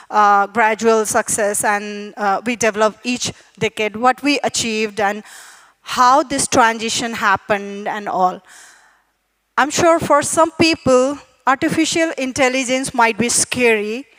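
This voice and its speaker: A woman's voice: a little high, a bit bright. A woman from Nepal giving a friendly, chatty conference talk in a hall, with frequent fillers. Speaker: conference speaker. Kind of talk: conference presentation.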